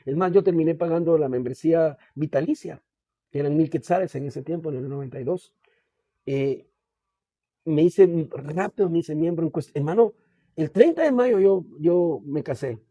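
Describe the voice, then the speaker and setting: A man who is a pastor, with a Guatemalan Spanish accent, tells his faith testimony in an earnest, halting way and keeps calling the listener "hermano". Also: a little high, animated, dark tone, no echo. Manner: halting, with many restarts and fillers. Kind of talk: personal faith testimony in a podcast interview.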